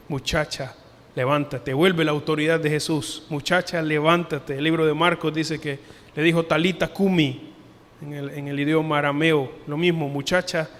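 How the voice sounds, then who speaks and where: A man preaching a sermon as pastor, earnest, lifting his voice for emphasis and dropping it softly for quoted words. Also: a little high. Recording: long hall reverb.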